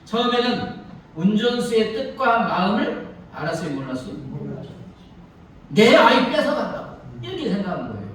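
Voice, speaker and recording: Pastor, male, animated sermon delivery with a wide-ranging voice, heard from a distance in a very echoey church. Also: high voice, moderate pace, slight background noise. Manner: storytelling, rhetorical questions to the congregation. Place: church sanctuary. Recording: echoey hall, mic from far off.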